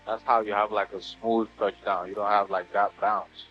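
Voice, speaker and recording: A man's voice: on the low side, little pitch movement, normal speed, soft background music. A male flight instructor coaching a student in flight over a cockpit headset intercom, giving short commands and then explaining them with "right?" tags. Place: small plane cockpit, in flight. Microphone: pilot headset boom mic. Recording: dull lo-fi intercom audio.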